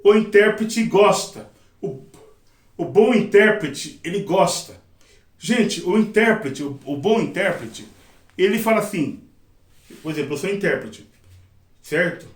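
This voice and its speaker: Middle-aged male teacher, lively and chatty, high voice, recorded in a roomy space from a distance. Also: a little slow, long pauses. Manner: lively, acts out examples and quotes. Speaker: sign language interpreting teacher. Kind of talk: casual classroom teaching. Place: classroom. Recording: echoey room, mic at a distance.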